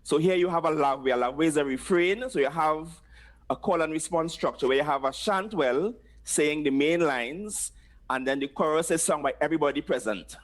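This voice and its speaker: A man's voice: on the high side, normal speed. A man teaching patois place names, patiently repeating each word for others to echo.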